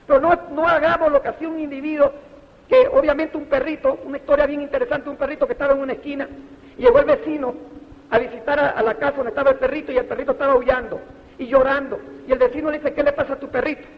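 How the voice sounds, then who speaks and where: A man's voice: very high voice, fast talker. A middle-aged man, giving a motivational speech and putting rhetorical questions straight to the audience. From Panama. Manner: preachy, addresses the audience directly with rhetorical questions. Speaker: motivational speaker. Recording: dull, echoey hall recording.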